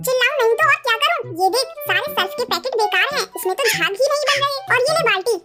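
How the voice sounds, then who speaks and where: A woman's voice: extremely high pitch, animated, rapid-fire. Woman doing a nagging mother-in-law bird. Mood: scolding. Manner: scolding, nagging. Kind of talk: cartoon voice acting. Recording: loud backing music. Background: loud music.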